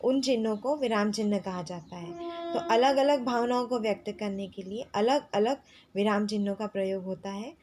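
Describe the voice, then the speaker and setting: Woman teaching grammar to children. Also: mid-range voice. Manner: slow, explanatory, repeats key phrases for children. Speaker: school Hindi teacher. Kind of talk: classroom lesson explaining grammar.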